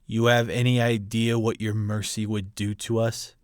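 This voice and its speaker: Man acting ruthless military colonel, low and grave. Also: flat delivery, no echo, clean studio sound, natural voice. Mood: stern, accusing. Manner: grave, deliberate military officer delivery. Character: hardened, ruthless military colonel justifying his brutal mission. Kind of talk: dramatic film monologue voiceover.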